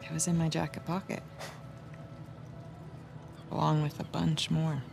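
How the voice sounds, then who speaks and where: In a naturalistic video game cutscene with music behind, a woman plays a confident, warm, middle-aged American wife and adventurous journalist, teasing and assured, sounding amused and coaxing. Her low voice is exaggerated yet flat in delivery, with vocal fry and a measured pace.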